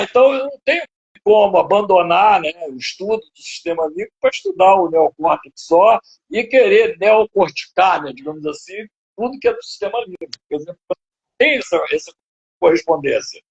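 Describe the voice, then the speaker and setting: An older man with a Brazilian Portuguese accent rambles through a lecture-like answer, full of fillers and tag questions. His voice is gravelly and husky, and it swings up high. The web stream audio sounds dull and lo-fi. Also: sing-song, fairly quick. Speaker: psychoanalyst guest. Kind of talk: live interview, lecturing. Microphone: video call.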